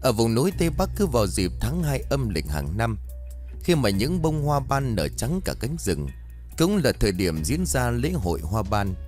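A man narrating a horror story in a measured, dramatic scripted way. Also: mid-range voice, sing-song, darkish tone, faint music behind.

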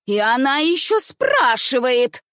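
A woman voicing a furious, shrill middle-aged governess who screeches accusations, in a dry recording. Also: big pitch swings, slow pace, fairly bright tone, dry recording, heavily acted. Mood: shrieking.

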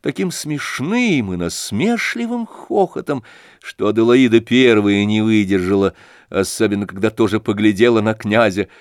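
Мужчина читает классический роман. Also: male voice, fairly low pitch, no echo, clean studio sound. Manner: measured, expressive literary reading. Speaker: audiobook narrator. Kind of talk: scripted narration of a classic novel.

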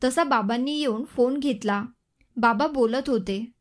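Slow, high-voiced woman storyteller. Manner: measured, expressive reading. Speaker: narrator. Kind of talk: scripted audio story narration.

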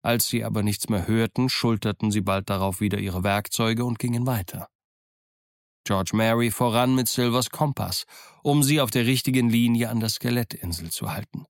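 A man narrating an audiobook in a calm, measured storytelling voice. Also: lowish voice, no room sound, clean studio sound. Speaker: audiobook reader. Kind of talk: scripted narration.

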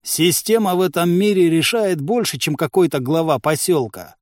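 A man's voice: on the high side, normal speed, no echo, studio quality, lightly acted. A man voicing a squad commander who talks in curt, commanding phrases. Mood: stern.

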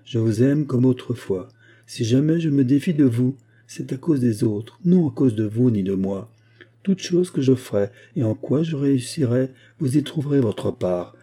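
A man reading an audiobook, voicing a calm, evasive male bishop who keeps his plans to himself. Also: mid-range voice, normal speed, husky. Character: sly, composed male bishop, hiding a plot.

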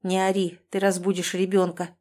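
A woman's voice: fairly low pitch, completely flat delivery, moderate pace, warm tone, natural voice. Woman reading a bossy furious husband, harsh and commanding, audiobook. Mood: angry. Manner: harsh, commanding, through gritted teeth. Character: angry domineering husband, hissing threats.

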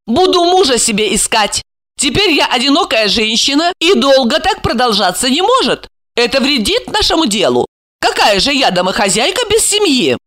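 Woman playing a high, shrill, storybook diva, scornful and exclaiming, all peaks and swoops. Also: very animated, normal speed, a bit bright. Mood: resolute. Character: indignant, theatrical woman celebrity, quick to tears.

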